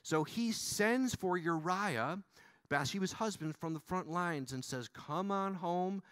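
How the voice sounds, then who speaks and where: A man preaching a sermon in church, animated and talking directly to the congregation. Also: a little high, unhurried, no room sound. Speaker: pastor.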